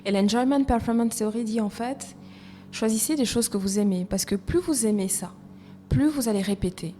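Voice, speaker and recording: A woman's voice: a little high, normal speed, dark tone. Reflective woman in a reverberant room. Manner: reflective, repeats phrases while searching for words. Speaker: podcast guest, HR professional. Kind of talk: conversational interview. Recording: reverberant room with faint noise.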